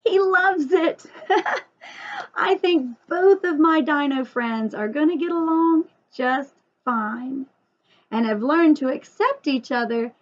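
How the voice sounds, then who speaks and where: The highs are cut off in this clip of a slow, high-pitched woman reading a story to small children. As their storyteller and teacher, she sounds sing-song and expressive, pausing for friendly asides in which she questions her young audience.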